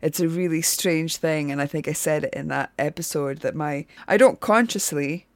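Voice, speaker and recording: A woman's voice: low-pitched, moderate pace, dry recording. Shetland-accented woman hosting, close dry sound. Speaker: podcast host. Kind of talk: reflective chatty narration to listeners.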